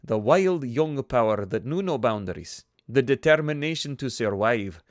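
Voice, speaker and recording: Dry, steady male novel reader. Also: medium pitch, moderate pace, no echo. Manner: steady reading with joking self-aware asides. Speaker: audiobook narrator. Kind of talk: reading a novel aloud.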